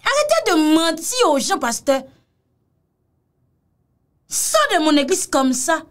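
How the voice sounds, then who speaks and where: A woman's voice: extremely high pitch, big pitch swings, slow pace. A woman giving casual reaction commentary on a video, mocking and exclamatory, repeating phrases.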